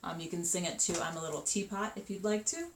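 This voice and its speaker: A woman's voice: lowish voice, quick pace. Chatty woman in an echoey room. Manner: chatty, upbeat, many ums. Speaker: children's book seller. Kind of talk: casual book showcase. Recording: echoey room with faint noise.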